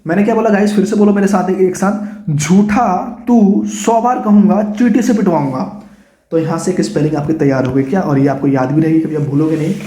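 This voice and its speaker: A man's voice: fairly high pitch, steady tone, quick pace, warm tone, echoey room. A man with an Indian English accent teaching an online exam-prep lesson, chatty and coaxing, calling his students guys and dear children.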